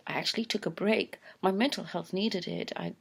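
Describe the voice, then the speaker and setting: A woman's voice: on the low side, a little fast, gravelly, husky. A woman in her fifties talking to camera in a casual vlog, reflective and hesitant, with many fillers and restarts. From London. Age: 50s. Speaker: channel owner. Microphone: close camera framed on mouth.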